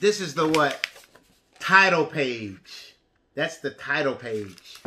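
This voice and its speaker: Slow and animated, a low-voiced woman with a sharp tone reads to preschoolers in a pre-K lesson, asking simple questions and stressing key words. There is a slight hiss or hum in the recording.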